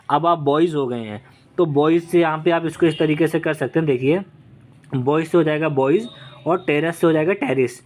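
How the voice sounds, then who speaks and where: Brief: young male tutor, somewhat high voice, repetitive coaching lesson delivery. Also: a little mellow. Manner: repetitive, checks in with "okay" and "right". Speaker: vocabulary teacher.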